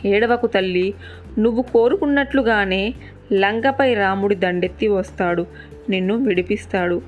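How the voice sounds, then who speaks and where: A woman's voice: mid-range voice, moderate pace, narrow, tinny audio, soft background music, close to an everyday voice. A woman narrator voicing a mighty, devoted male monkey hero, speaking in an earnest, reassuring way.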